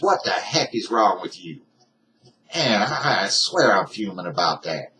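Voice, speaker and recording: A man's voice: lowish voice, sharp tone, low-quality recording. A man ranting to his camera in a heated, indignant, folksy way. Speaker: YouTuber. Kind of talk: ranting vlog.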